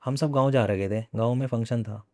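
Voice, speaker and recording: Young man with a mellow voice, recounting a story. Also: medium pitch, no echo, clean studio sound. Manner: repeats phrases, conversational and unhurried. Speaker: podcast guest. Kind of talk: casual storytelling of a personal ghost story.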